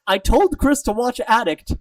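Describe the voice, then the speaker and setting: A man co-hosting a casual fan chat, excitable and gushing, recorded on a distant mic. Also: extremely high pitch, no room sound. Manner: excitable, gushing, quick talker. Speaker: podcast co-host.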